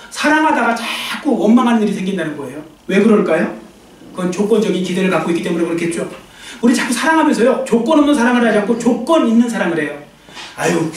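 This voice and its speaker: A pastor delivers a sermon in a church sanctuary, his high-pitched male voice picked up from a distance with roomy, off-mic acoustics. He tells stories with animation, acting out the voices of the people in them.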